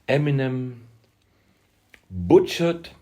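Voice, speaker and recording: A man from Austria with an Austrian German accent, a German speaker, making an emphatic vlog monologue about hip-hop, halting with self-deprecating asides. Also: mid-range voice, big pitch swings, warm tone. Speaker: music producer and rapper.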